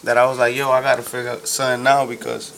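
A guest DJ from the Dominican Republic chats on a casual podcast with a Dominican accent, tossing in street slang and switching between English and Spanish. His mid-range voice is fast, fairly bright, and fry-laden with little pitch movement, and music plays behind him.

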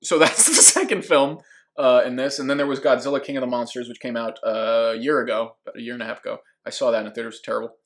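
An enthusiastic man talks casually about upcoming films, laughing often and filling pauses with "uh" and "um." His voice sits at an ordinary middle pitch for a man. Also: steady tone. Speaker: podcast co-host.

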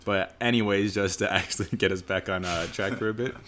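A man's voice: low-pitched, fairly even intonation, fairly quick, fairly bright tone, a little hiss or hum. A man hosting a casual group podcast, talking in a garage with the door open. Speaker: podcast host. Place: in a garage with door cracked open by a main road. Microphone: USB desk mic with pop filter.

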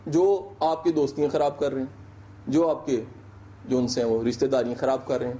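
A man's voice: medium pitch, fairly even intonation, mellow. A man giving a conversational motivational lecture, acting out little dialogues to make his points. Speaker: motivational speaker.

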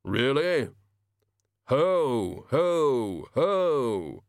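A man's voice: mid-range voice, very animated, drawn-out words, dry recording, clean studio sound, voice pushed up, exaggerated voice. A man voicing a solemn, literal-minded spirit of death in a storybook reading, formal and ponderous in manner. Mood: puzzled.

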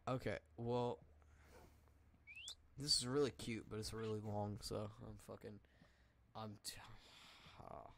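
A man's voice: fairly low pitch, fairly even intonation, a little slow, pauses often, fairly bright tone, a little hiss or hum. A man bantering casually over a game, crude and swearing heavily. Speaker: gaming podcast co-host. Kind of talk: casual chat while gaming.

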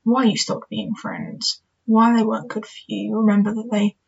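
A woman's voice: medium pitch, little pitch movement, normal speed, creaky, a little mellow, husky. A young woman talking candidly and reflectively in a casual solo advice chat, peppered with "you know" and "kind of". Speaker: podcast host. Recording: dull lo-fi recording.

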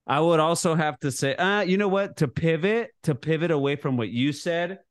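A man's voice: fairly high pitch, normal speed, no echo, clean studio sound. A man co-hosting a sports podcast in casual chat, rambling, often restarting his sentences and laughing. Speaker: podcast co-host.

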